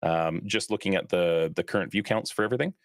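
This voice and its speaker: A man with a fairly low voice runs a streamed tabletop game as dungeon master. His sound is dry and close, with no room around it. He talks in a relaxed way, full of fillers and easy laughs. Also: fast, no room sound.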